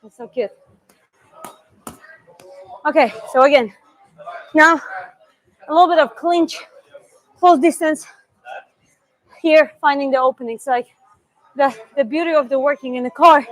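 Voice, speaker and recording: Chatting loosely on a live stream, a young Georgian-accented martial arts streamer fields viewer questions and talks through moves, restarting often and adding "bum" sound effects. Her voice sits high, and the audio is poor.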